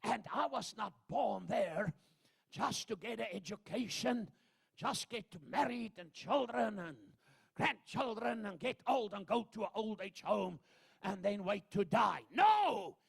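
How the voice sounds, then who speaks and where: An older man from Zambia preaching a sermon, swinging from hushed asides to loud shouted proclamations. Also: high-pitched, lively intonation, measured pace, creaky, husky. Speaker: pastor.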